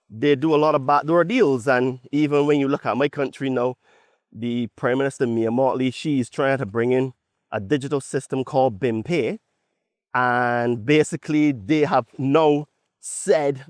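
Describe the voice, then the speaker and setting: With a medium-pitched voice recorded at studio quality with no room sound, this Bajan-accented man from Barbados hosts a podcast. He talks in an opinionated, emphatic, conversational monologue, often ending points with a tag question.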